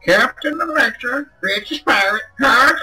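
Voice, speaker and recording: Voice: high voice, animated, measured pace, sharp tone, faint music behind, voice pushed up, exaggerated voice, low-quality recording. A man voicing a greedy, cheeky pirate's parrot in a visual novel read-aloud, exclaiming in short, squawky bursts. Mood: eager.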